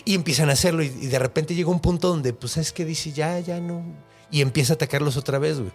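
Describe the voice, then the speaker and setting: A man's voice: a little high, fast, breathy edge, faint music behind. A man with a Mexican accent hosting a podcast, telling a story casually with lots of slang and swearing. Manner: slangy, profane, animated. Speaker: podcast host.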